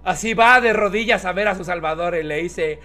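A man's voice: high voice, normal speed, pushed and bright. A Mexican man reading out viewer comments in casual, playful, slangy commentary, laughing often.

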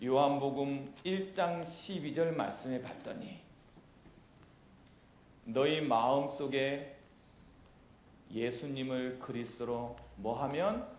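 A middle-aged man preaching a youth sermon into a handheld mic in a church hall, animated and quizzing his listeners with questions. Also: mid-range voice, slow, long pauses. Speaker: pastor. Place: church hall with chalkboard, indoors.

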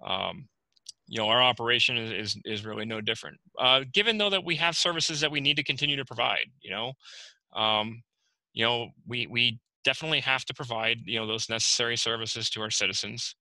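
A man, the borough manager, reporting at a virtual council meeting, halting with many fillers and restarts. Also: medium pitch, lively intonation, pushed and bright, no echo, low-quality recording. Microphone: video call.

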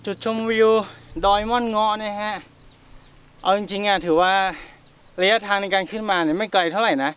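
A man's voice: sits high, moderate pace, fairly bright tone, slight background noise. A young man hosting a casual travel vlog outdoors on a mountain trail, chatty and joking, out of breath from the climb. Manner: chatty, joking, swears with friends. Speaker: travel vlogger.

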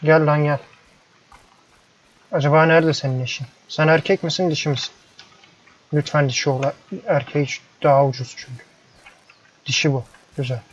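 A young gameplay YouTuber plays a ranch game, chatting casually and grumbling at the animals in frustrated let's-play commentary. His voice is a little high, with fairly even intonation, moderate pace and long pauses. His headset mic sounds dull and lo-fi, with faint noise.

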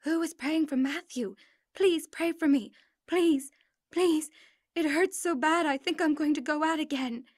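Woman reading weak injured lady driver, faint and pleading, slightly high. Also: unhurried, no room sound, studio quality.

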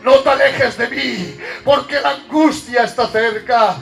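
Fervent male preacher, very high voice, impassioned shouting, distant church recording. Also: a little slow, vocal fry. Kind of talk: fervent evangelical sermon. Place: church service. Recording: distant mic with music behind.

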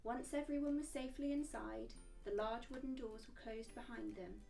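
A woman, a children's book author, reading a picture book aloud with gentle, expressive storytelling. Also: a little high, moderate pace, gravelly, distant mic, faint music behind.

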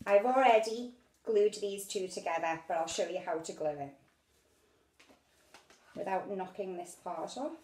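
A middle-aged British woman sits at her dining-room table at home, unhurriedly presenting a hands-on craft demonstration and talking as she works. Her mid-range voice has a darkish tone, and the domestic room sounds echoey.

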